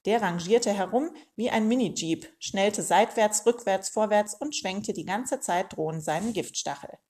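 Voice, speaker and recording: A woman reading a children's book aloud in a lively, expressive way. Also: mid-range voice, unhurried. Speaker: storyteller.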